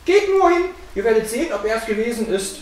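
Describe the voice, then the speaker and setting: A woman's voice: on the high side, big pitch swings, quick pace, darkish tone, pitched above the performer's own voice. A woman reading as an eager simple-minded boy, echoey and distant. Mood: earnest. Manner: eager, earnest pleading. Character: simple fearless boy, young son. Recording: echoey room from far off.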